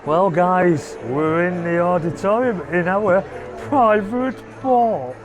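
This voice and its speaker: Speaking slowly in a voice that sits high, a man talks over music. He's hosting a family vlog, filming on a handheld camera as he gives a loose walking tour of a theatre's foyer and private box.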